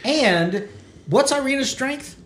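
A man's voice: very high voice, slow pace. A man running a tabletop game as game master, narrating scenes and voicing guards as he goes. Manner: animated, voices guards mid-narration. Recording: roomy echo.

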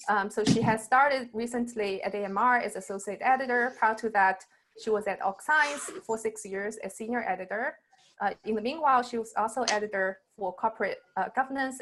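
A woman hosting an academic webinar, introducing a guest in a loose delivery full of fillers. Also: mid-range voice. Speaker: webinar host. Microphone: video call.

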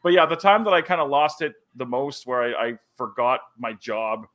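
A man's voice: medium pitch, moderate pace. A man in his forties, a wrestling commentator, telling stories animatedly in a casual podcast chat. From Canada. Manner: animated storyteller, laughs often.

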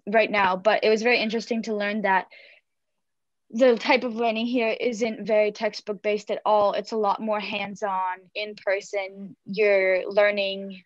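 A woman's voice: medium pitch, little pitch movement, unhurried, no room sound, dull audio. A woman speaking as a student guest in an interview over a video call, hesitant with many fillers. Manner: hesitant, many ums and likes. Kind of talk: casual interview answer.

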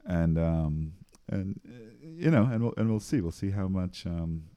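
A man's voice: deep voice, very animated, measured pace, mellow. A man in his forties from Trinidad, a physician and researcher talking casually as an interview guest, with frequent laughs and many ums and restarts. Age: 40s.

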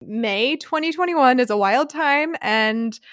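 A woman's voice: sits high, takes it slowly, a bit bright, no echo, clean studio sound. Upbeat, chatty podcast host woman. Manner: chatty, upbeat, laughs easily. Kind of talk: casual podcast talk. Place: lives in Germany.

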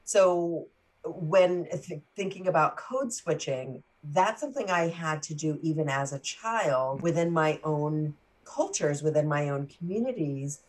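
Forties woman, low register, interview guest who restarts words as she tells her story. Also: expressive, unhurried, a little mellow. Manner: candid, restarts and repeats words mid-thought. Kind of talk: personal storytelling in conversation.

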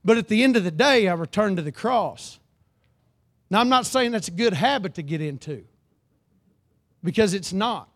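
High-voiced preacher man. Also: lively intonation, moderate pace, pauses often. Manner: reads scripture aloud then preaches, calls for amens; swings from loud emphatic lines to low earnest ones. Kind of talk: sermon.

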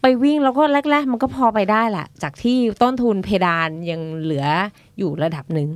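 A woman's voice: medium pitch, a little fast, no room sound. Thai woman doctor explaining in dry sound. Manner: lively, explains with numbered points and examples. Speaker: doctor guest. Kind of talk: casual explanatory chat.

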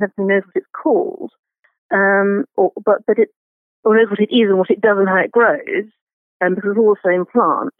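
A man with a high-pitched voice talks gardening as an interview guest, stumbling through restarts and fillers. The sound is thin and phone-like, and dry. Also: no room sound. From Britain. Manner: halting, many restarts and fillers. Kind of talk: conversational interview. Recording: phone-like remote line.

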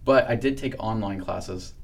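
A man's voice: fairly low pitch, moderate pace, gravelly. A man as a guest in a casual chat, rambling through stories with many fillers and laughs.

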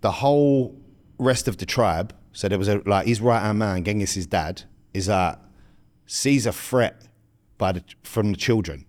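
A man with a fairly low voice and an English accent from the London or Essex area. He banters and tells stories casually, using matey slang and frequent swearing. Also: measured pace, darkish tone.

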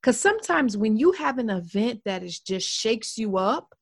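A woman's voice: a little high, big pitch swings, normal speed, breathy edge. Woman hosting a faith-based interview. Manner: warm affirming, many soft mm-hmms. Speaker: podcast host.

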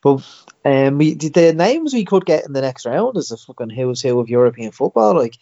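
Dublin male podcast host, mid-pitched, sweary casual storytelling, dry close sound. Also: animated, brisk, mellow, dry recording, muffled recording. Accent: Irish, Dublin.

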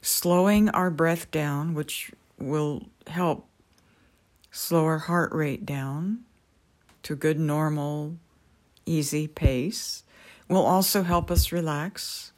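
A woman leading a guided meditation in a gentle, calming way, unhurried, with pauses between short phrases. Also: low-pitched.

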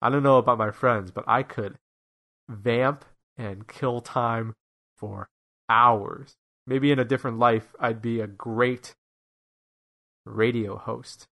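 A man hosts and edits a podcast alone, chatting casually with self-mocking humor and plenty of restarts. His nasal, medium-pitched voice is steady and sharp, with vocal fry, a slow pace, and frequent pauses.

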